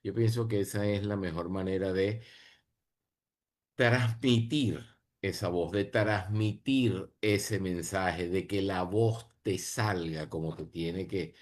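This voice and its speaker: A man's voice: deep voice, slow pace. A man answering a panel question in an earnest way, often repeating and restarting his phrases, over a video call. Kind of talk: reflective answer in an online panel.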